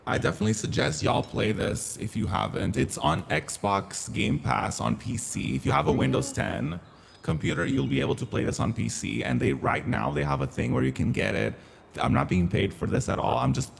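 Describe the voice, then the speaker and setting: Male streamer, voice-changer filtered, gravelly, lively campy game commentary, faint noise. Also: mid-range voice, moderate pace. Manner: chatty, campy, playful. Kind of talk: casual live-stream commentary.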